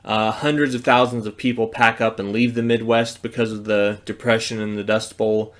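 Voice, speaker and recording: A man's voice: on the low side, little pitch movement, moderate pace. A man in his thirties with an American accent, giving a casual recorded history lecture indoors. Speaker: history teacher. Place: small indoor study or office, seated at desk.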